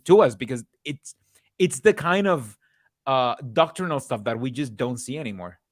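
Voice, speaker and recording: A man's voice: mid-range voice, expressive, normal speed, dry recording. Rambling male podcast co-host, dry sound. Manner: rambling, restarts a lot, laughs easily. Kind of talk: casual commentary chat.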